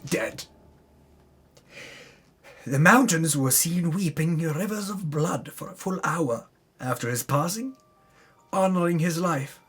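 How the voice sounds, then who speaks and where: Over background music, a man with a slightly high, a bit bright, husky voice delivers a dramatic mock-epic recap of a fantasy campaign. He speaks slowly with frequent pauses, grandiose in style but adding dry, tongue-in-cheek asides.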